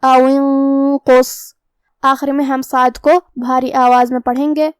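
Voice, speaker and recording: A woman teaching Quran recitation rules, explaining each letter step by step and reciting verses slowly. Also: high-pitched, flat delivery, clean tone, no echo, clean studio sound. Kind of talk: tajweed lesson, slow explanatory teaching.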